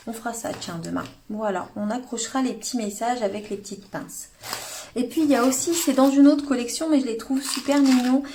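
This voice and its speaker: A French woman with a slightly high voice talks through a craft project on a livestream. She is chatty and hesitant, full of fillers and restarts, and speaks directly to her viewers. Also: noisy background. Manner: talks to live viewers by name. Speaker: craft demonstrator. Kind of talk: live paper-craft tutorial. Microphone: livestream webcam or phone.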